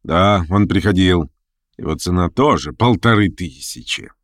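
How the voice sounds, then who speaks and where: A man voicing a cold, aloof, contemptuous nobleman in a slow, low, measured way. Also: animated, no echo, studio quality. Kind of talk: audiobook character reading.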